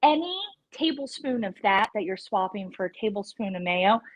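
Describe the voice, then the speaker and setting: A woman's voice: medium pitch, expressive, normal speed, rough recording. A woman chef teaching a live virtual cooking class over a video call, chatty and playful in her instructions.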